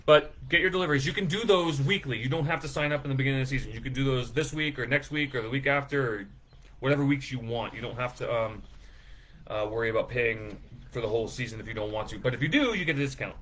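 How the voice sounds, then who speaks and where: A man's voice: medium pitch, fast, fairly bright tone, slight background noise. A man presenting the season details for his farm in a casual, rambling way, with lots of fillers and self-deprecating asides. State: feeling sick after overeating.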